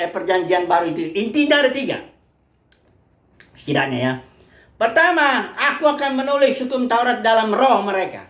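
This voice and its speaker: A woman's voice: medium pitch, a bit bright, roomy sound. A woman preacher from Indonesia teaching a Bible lesson conversationally, asking questions and answering them herself. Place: place of worship.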